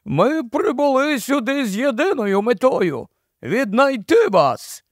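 A man doing a mournful marsh-wiggle, high and drawn out, who treats every step like a step toward doom. His speech is slow and weighty, delivered on a dry, close mic in a storybook reading. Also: big pitch swings, no room sound, full character voice. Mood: respectful. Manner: slow, grave, fatalistic. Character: gloomy, solemn male marsh-wiggle.

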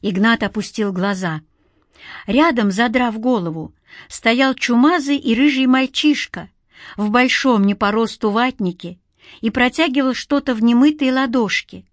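A woman reading a novel aloud in measured, expressive audiobook narration. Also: on the high side, dry recording, clean studio sound.

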